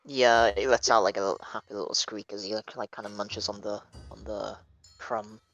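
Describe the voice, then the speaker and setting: A man with a fairly low voice runs a tabletop game as dungeon master. He narrates casually and hesitantly, with lots of ums and likes. Faint music plays behind him. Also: little pitch movement, moderate pace, creaky, fairly bright tone, highs cut off. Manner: hesitant, many fillers.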